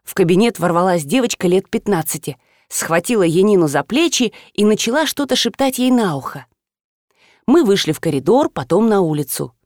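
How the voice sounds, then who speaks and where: A woman narrating an audiobook in an expressive, lively reading style. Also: mid-range voice, fairly quick, no room sound, clean studio sound. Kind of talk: scripted narration.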